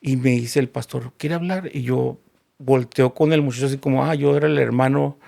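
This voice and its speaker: Very gravelly man telling a story. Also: medium pitch, fairly quick. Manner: animated storyteller acting out quoted dialogue. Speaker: interview guest. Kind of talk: casual storytelling interview.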